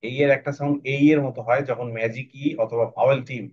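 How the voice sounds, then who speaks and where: A man teaching children an English phonics lesson online, repeating each word slowly for them to copy. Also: medium pitch, steady tone, a little mellow, muffled recording. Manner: slow, repetitive drilling of words. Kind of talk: phonics lesson to children over a video call.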